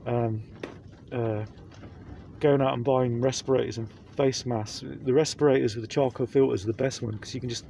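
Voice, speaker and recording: A man's voice: mid-range voice, steady tone, normal speed, vocal fry, mellow, slight background noise. A man talking to camera in a rambling vlog, full of fillers and restarts, speaking through a face mask. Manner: rambling, repeats himself, many fillers. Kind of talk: casual vlog monologue.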